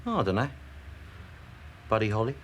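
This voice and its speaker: Deep, fast-talking London villain. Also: male voice, very animated, slight background noise. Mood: menacing. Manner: threatening, slangy. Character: menacing male London criminal, coldly bullying.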